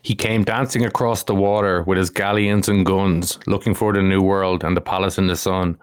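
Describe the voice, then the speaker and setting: A man's voice: low voice, little pitch movement, moderate pace, smooth, dry recording, studio quality. A man co-hosting a podcast, reciting a quote and laughing at his own slips. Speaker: podcast co-host. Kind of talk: reciting a quote, casual chat.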